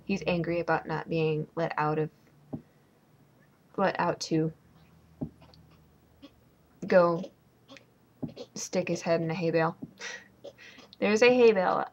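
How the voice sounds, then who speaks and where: A woman's voice: fairly low pitch, lo-fi sound, a little hiss or hum. Young adult woman, home vlogger; sarcastic, rambling, ranty casual delivery. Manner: ranting, sarcastic, rambling with many ums. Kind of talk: casual vlog chat.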